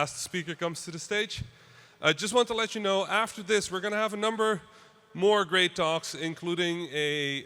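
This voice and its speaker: A man's voice: high-pitched, pushed and bright, clean tone. A man hosting a conference stage and announcing talks, with long hall reverb on his voice. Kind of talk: event announcing.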